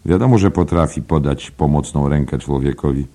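Casting: male reader doing a confiding, oath-swearing pub regular, loud and gravelly, storybook. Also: extremely low pitch, a little fast. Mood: gossiping. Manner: knowing, confidential, emphatic oaths. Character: gossipy older male barfly. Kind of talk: audiobook character voice.

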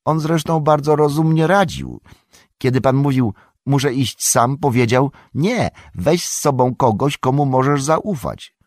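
A man's voice: mid-range voice, animated, a little slow, darkish tone, dry recording, clean studio sound, voice pushed up. A man voicing a loyal, earnest young male hobbit servant who speaks politely and respectfully in an audiobook. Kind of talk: audiobook character voice.

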